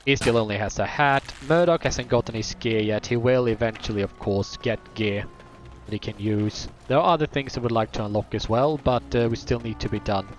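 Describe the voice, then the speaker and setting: A man's voice: mid-range voice, fairly quick, highs cut off. A man streaming a video game, rambling casually and often correcting himself. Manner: rambling, with many fillers and self-corrections. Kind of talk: casual let's-play commentary.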